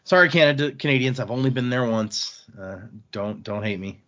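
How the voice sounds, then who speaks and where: On a casual book podcast, a man recaps a novel conversationally, loosely voicing the characters' lines and swearing now and then. His mid-range voice is pushed and bright, and he talks fairly quickly. The audio sounds dull.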